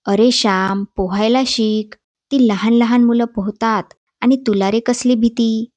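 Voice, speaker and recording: A woman's voice: fairly high pitch, fairly even intonation, measured pace, darkish tone, dry recording, lightly acted. A woman reading a stern scolding mother. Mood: coaxing. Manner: firm, scolding. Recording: dull dry voice-over.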